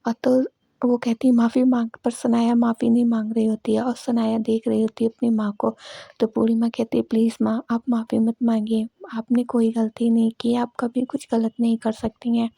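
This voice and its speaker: A woman's voice: a little high, completely flat delivery, normal speed, creaky, warm tone, husky, no room sound, clean studio sound. A woman chatting through a casual recap of a TV serial episode in voice-over, retelling who said what in a talkative way. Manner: chatty, repeats "she says" and "okay". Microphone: voice-over recorded close to mic.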